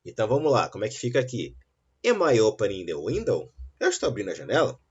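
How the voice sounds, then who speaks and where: A man teaching an English lesson, saying model sentences slowly and clearly between quicker explanations. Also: on the low side, huge pitch swings. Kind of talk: online English lesson for Portuguese speakers. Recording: dull, lo-fi sound.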